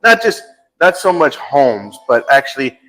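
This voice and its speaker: A man's voice: sing-song, a little slow, fairly bright tone, low-quality recording. A man in his fifties hosting a live lifestyle show, teasing his co-host in joking, playful chat. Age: 50s. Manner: teasing, playful, jumps high in pitch when joking. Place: indoor studio set with a painting behind.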